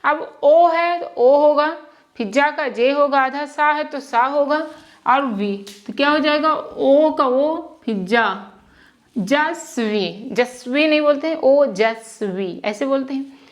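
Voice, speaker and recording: Female teacher, high and unhurried, patient, sounds out each syllable. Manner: patient, repeats and checks with "ठीक है". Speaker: English spelling teacher. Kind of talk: slow spoken lesson.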